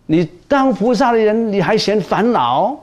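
A man's voice: sits high, expressive, measured pace, darkish tone, dull audio. A man teaching Buddhist precepts in a dharma lecture, speaking emphatically and often repeating words as he restarts.

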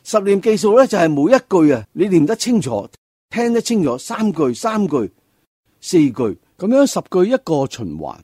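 A Buddhist monk teaching at a slow, careful pace. His voice is husky and swings widely in pitch as he stresses each point. The sound is close and dry, with no room echo. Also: very animated, warm tone. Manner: slow, deliberate, explanatory. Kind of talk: dharma talk.

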